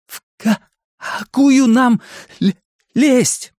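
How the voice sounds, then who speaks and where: A man voicing a stuttering, determined boy in an audiobook, halting and earnest. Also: extremely high pitch, darkish tone, no room sound, studio quality, voice pushed up, heavily acted. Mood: urgent. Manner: stammering, halting.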